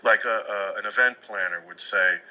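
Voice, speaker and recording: Low-pitched, bright-voiced male public radio host. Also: rough recording. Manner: public radio host, informal, halting, thinking aloud. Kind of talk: casual unscripted radio interview.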